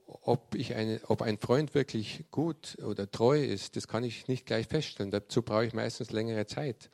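Gravelly man preaching. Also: mid-range voice, normal speed. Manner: lively storyteller who acts out quoted speech. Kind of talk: sermon with Bible reading.

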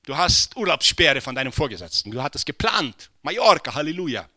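Man, pastor preaching, high voice, hushed whispers to loud cries, English exclamations, dry close sound. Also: sing-song, fairly quick, no echo. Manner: swings from hushed, near-whispered lines to loud impassioned cries. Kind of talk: sermon.

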